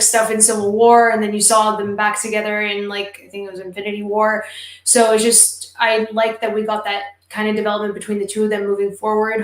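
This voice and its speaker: A woman co-hosting a casual show chat, talking with enthusiastic, emphatic warmth about a series she loves. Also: mid-range voice. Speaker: podcast co-host. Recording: roomy echo.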